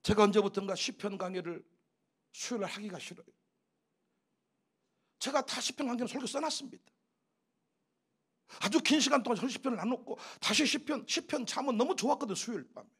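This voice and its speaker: A man preaching an animated sermon as a pastor, emphatic and often breaking into laughter as he acts out exchanges. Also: very high voice, a little fast, pauses often, slightly rough.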